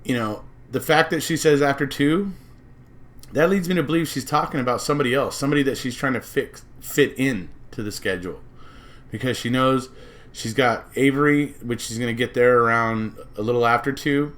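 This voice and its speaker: A man's voice: medium pitch, brisk, a bit bright. An American man giving a casual, speculative monologue as a true-crime commentator, rambling and circling back to repeat his points.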